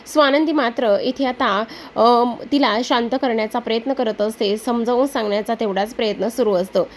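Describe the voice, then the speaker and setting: A woman retelling a TV serial episode scene by scene, reading out each character's lines in the same steady voice. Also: a little high, moderate pace, slight background noise. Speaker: serial recap narrator.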